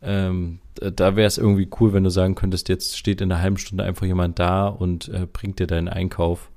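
A man's voice: low-pitched, flat delivery, fairly quick, a little mellow. A man in his thirties co-hosting a podcast, chatting casually and thinking aloud with many hesitations. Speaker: podcast co-host. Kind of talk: casual chat.

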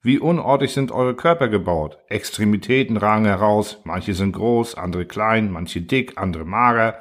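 Husky low-voiced lecturing machine ruler, read by a man, calm and condescending. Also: moderate pace, lightly acted. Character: cold, lecturing order-obsessed machine ruler.

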